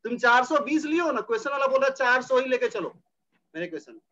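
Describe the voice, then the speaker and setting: A man's voice: very high-pitched, expressive, quick pace, crowd noise. A man teaching a casual chemistry class, talking students through problems and repeating numbers as he works. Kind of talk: informal chemistry lecture. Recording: dull lo-fi audio.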